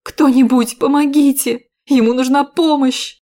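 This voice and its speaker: A woman's voice: high voice, steady tone, a little slow, warm tone, pitched above the performer's own voice. Woman playing a screaming desperate young heroine. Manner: screaming, pleading cries.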